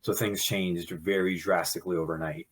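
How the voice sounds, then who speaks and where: Deep and slightly breathy, this is the voice of a podcast guest in his thirties, a nurse anesthetist born in Pakistan and brought up in Brooklyn, New York. Throughout the interview he speaks frankly, telling animated stories punctuated by quick laughs.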